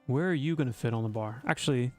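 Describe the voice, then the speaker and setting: A man's voice: medium pitch, fast talker, faint music behind. A man streaming a video game, chatting casually with his viewers and teasing them with wry asides. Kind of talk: casual livestream commentary while gaming.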